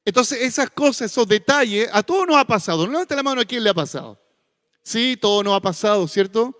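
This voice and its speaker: Chilean male pastor, high voice, church reverb, folksy then earnest sermon. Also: expressive, brisk, fairly bright tone. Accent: Chilean Spanish. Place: church sanctuary. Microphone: stage microphone with monitor.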